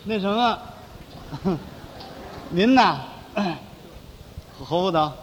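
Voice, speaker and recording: A male crosstalk comedian teases his partner with mock innocence. His voice is high and lively. The stage recording carries long reverb and faint noise. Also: drawn-out words. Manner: playful, feigns naive curiosity, exclaims.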